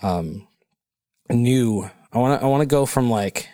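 A man hosts a relaxed podcast interview in a recording studio. His talk rambles and joshes along, his voice leaping up in pitch. The sound is dry and close. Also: a little slow, dry recording. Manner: loose, rambling, jokey, with pitch jumping up high. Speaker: podcast host. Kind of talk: casual interview chat.

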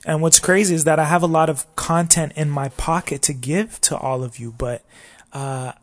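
A man's voice: on the high side, steady tone, moderate pace. A man with a slightly scratchy voice hosting a casual solo podcast, talking in a rambling, reflective way and often asking "you know what I mean?". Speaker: podcast host.

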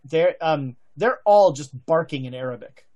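A man improvising narration as game master of a tabletop game, thinking aloud in halting phrases. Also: on the high side, expressive, a little mellow.

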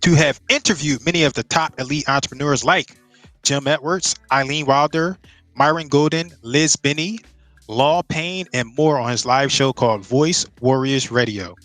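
A man's voice: medium pitch, normal speed, fairly bright tone, dry recording, soft background music, low-quality recording. Man hosting a podcast. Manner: reads intro, stumbles on words. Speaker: podcast host. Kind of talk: scripted intro then casual interviewing.

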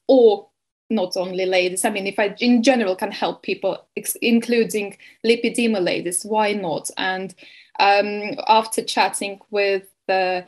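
A woman from Estonia, a nutrition advisor, answering questions as a webinar guest with hesitant speech full of fillers. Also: medium pitch. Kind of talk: webinar interview.

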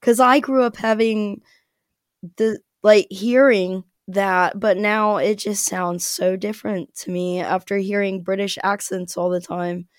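A woman's voice: medium pitch, steady tone, measured pace, dry recording, studio quality. Woman, chatty storyteller. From US Midwest. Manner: chatty, laughs often while telling stories. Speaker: guest. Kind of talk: casual chat.

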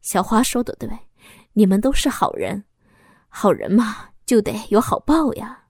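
A woman voicing a blunt, hearty older male village official in a loud, folksy, coaxing way. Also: medium pitch, very animated, unhurried, gravelly, no room sound, clean studio sound, full character voice.

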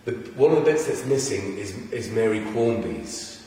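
A man's voice: on the low side, expressive, normal speed, warm tone. An English man hosting a podcast, chatting in a rambling, enthusiastic way and often restarting his sentences. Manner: rambling, self-interrupting, enthusiastic. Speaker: podcast host. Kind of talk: casual chat interview. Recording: echoey room, far from the mic.

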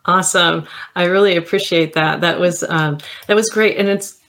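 A woman with a somewhat low voice hosts an online conversation. Her talk is casual and informal, like someone guiding a relaxed chat. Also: normal speed. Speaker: interview host. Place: online video call with screen sharing.

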